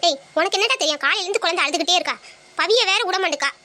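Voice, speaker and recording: Woman as grandmother, scolding, insistent, rapid talk, bright edge. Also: very high voice, expressive, heavily acted. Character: worried grandmother nagging her son. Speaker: mother of the father. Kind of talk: home drama acting.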